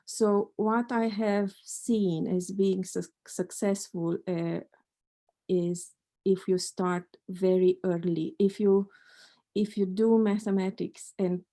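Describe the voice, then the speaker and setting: A warm, medium-pitched woman's voice belongs to a middle-aged mathematics professor from Romania. She responds to questions on a panel in a reflective, tentative manner, often restarting her sentences.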